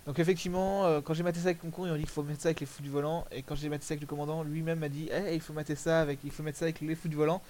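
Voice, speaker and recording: A man's voice: a little high, level tone, very fast, hardly any pauses, darkish tone, a little hiss or hum, rough recording. A man giving casual, rambling commentary over video clips, correcting himself often and using crude slang. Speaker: commentator reviewing fan music videos.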